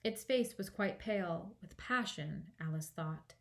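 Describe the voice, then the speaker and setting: A woman reading a children's audiobook aloud as a storytime librarian, in an expressive narrating style. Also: mid-range voice, measured pace.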